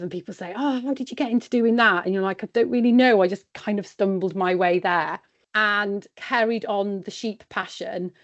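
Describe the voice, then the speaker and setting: A woman from West Wales, speaking in a chatty, practical way as an independent sheep consultant in a podcast interview. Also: mid-range voice. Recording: dull, lo-fi sound.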